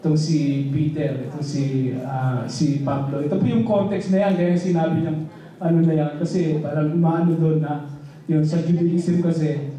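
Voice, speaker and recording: A man's voice: a little high, steady tone, normal speed, warm tone. A male pastor preaching a sermon in a church, in a loose conversational style with rhetorical questions. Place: church hall. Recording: echoey hall, voice from far off.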